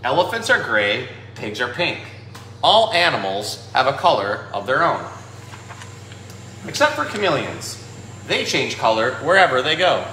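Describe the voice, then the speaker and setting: In his thirties, this zookeeper and pet store presenter talks about animals and reads a picture book in a relaxed educational way. His mid-range voice is bright and forceful, unhurried, with huge swings in pitch. A phone held at arm's length records him in a small, echoey indoor room with a painted aquarium backdrop and faint background noise.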